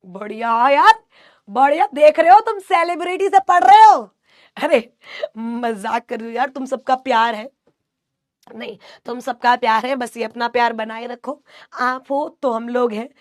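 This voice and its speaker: A woman's voice: high voice, dry recording, studio quality. A woman teaching an online exam coaching class, reading students' chat questions aloud and answering with playful teasing.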